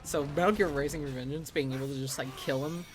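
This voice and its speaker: A woman's voice: low-pitched, fairly even intonation, fast, music in the background. A woman streamer giving casual, playful live reactions, often echoing what she hears. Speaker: VTuber streamer reacting to a video.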